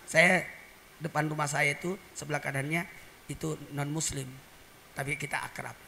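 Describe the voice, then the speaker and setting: A man's voice: on the high side, fairly even intonation, moderate pace, creaky, bright, forceful tone, a little hiss or hum. A man preaching a humorous sermon, telling a story and acting out voices and animal sounds for the congregation. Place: religious gathering.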